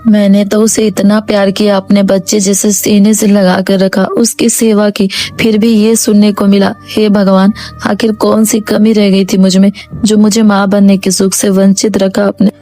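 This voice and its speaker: A woman's voice: medium pitch, level tone, normal speed, dark tone, soft background music, voice pushed down, lightly acted. A woman playing a grieving childless young wife. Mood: sorrowful. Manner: lamenting. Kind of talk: Hindi family drama acting.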